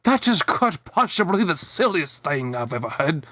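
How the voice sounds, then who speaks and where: A man's voice: fairly high pitch, big pitch swings, moderate pace, bright, forceful tone, dry recording, full character voice. A man voicing a haughty little boy asparagus with a British accent, prim and pompous.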